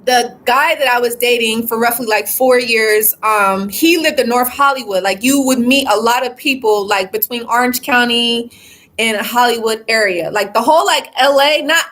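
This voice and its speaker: A woman's voice: a little high, moderate pace, a bit bright, a little hiss or hum. A woman in her thirties, a life coach, talking casually to livestream viewers and rambling with lots of fillers like "you know" and "like". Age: 30s.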